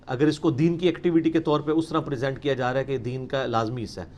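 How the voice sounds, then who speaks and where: A man's voice: medium pitch, steady tone, darkish tone. A man answering religious questions in an emphatic, explanatory lecture style, with many English terms.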